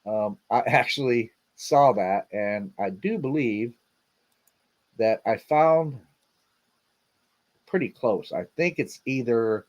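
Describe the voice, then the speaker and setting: A man's voice: medium pitch, lively intonation, takes it slowly, long pauses, darkish tone, dull audio. A man hosting a casual livestream, chatting and rambling as he reacts to video clips he plays. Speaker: show host.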